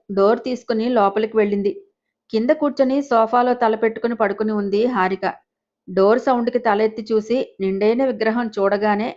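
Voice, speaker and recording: A woman's voice: on the high side, a little mellow, lo-fi sound. Woman narrating an audio story.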